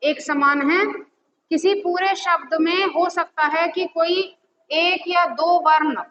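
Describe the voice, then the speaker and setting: A woman teacher giving a lesson, asking questions and answering them herself, repeating key words slowly. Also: extremely high pitch, fairly even intonation, a bit bright. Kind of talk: classroom lesson. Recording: echoey, slightly dull audio with faint noise.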